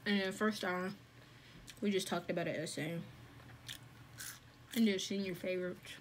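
A woman with a fairly low voice, fairly even intonation and normal speed chats casually in a mukbang food vlog, talking while she eats with her mouth full. A fan hums faintly in the background.

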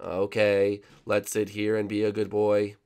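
A man's voice: on the low side, measured pace, smooth. Man doing an entranced, robotic dinosaur minion. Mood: obedient. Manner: flat, robotic repetition. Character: hypnotised dinosaur turned obedient minion.

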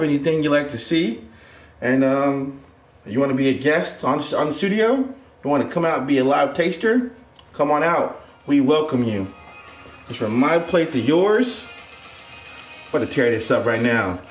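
A man's voice: a little high, animated, a little slow, long pauses. Upbeat man hosting a kitchen cooking show. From Ohio. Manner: upbeat, chatty, addresses viewers as guys. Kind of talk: casual cooking demo. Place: home kitchen, indoors. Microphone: far camera. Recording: echoey kitchen with music behind.

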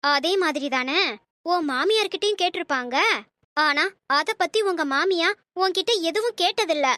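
A stern cartoon mom, lecturing and threatening, very high bright voice, dry close sound. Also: female voice, normal speed, no echo. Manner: lecturing, scolding. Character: worried middle-aged mother, stern and threatening.

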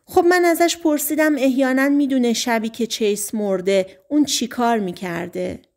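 A woman's voice: a little high, natural voice. A woman voicing an eager male small-town deputy in an audiobook, dropping her voice to report what he has heard.

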